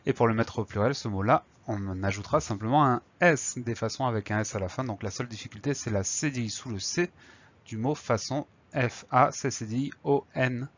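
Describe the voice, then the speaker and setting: A man's voice: medium pitch, a little fast, lo-fi sound. A man teaching a spelling lesson, spelling words out letter by letter and explaining each one patiently before a dictation.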